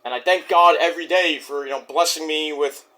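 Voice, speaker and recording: He's a middle-aged man with a Brooklyn New York accent, speaking a little fast in a high, sharp-toned voice. His casual wrestling review wanders and boasts, with restarts and fillers throughout.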